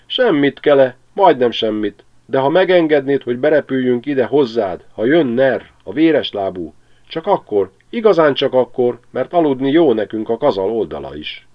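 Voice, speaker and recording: A man voicing a humble old male sparrow who begs in a high, chirpy voice. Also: very animated, muffled recording, natural voice. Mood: pleading.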